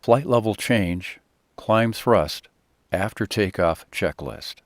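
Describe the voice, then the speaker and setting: A man with a very low voice gives clipped pilot callouts. He is terse and procedural, leaving each phrase short and unhurried. The sound is dry and close, with very little room in it. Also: no room sound. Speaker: airline pilot. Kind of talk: clipped cockpit callouts and checklist calls.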